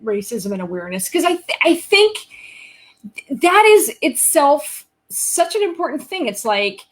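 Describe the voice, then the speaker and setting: A woman hosting a casual live-stream conversation, animated and enthusiastic, with quick asides. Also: high-pitched. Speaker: host.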